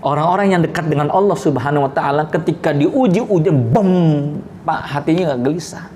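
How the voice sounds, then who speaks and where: A male preacher telling a story in a sermon, turning to his listeners and often rising high and loud at its peaks. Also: a little fast, slight background noise. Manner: addresses listeners directly, with frequent asides.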